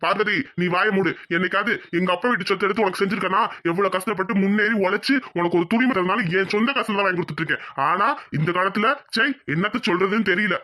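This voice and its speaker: A proud, tight-fisted village father in a cartoon, scolding his family about his hard-earned wealth, as a man acts him out. His voice is high and bright, and the words come fast in a sharp, lecturing tone. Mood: angry. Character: stern proud village father, harsh and miserly. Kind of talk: cartoon voice acting.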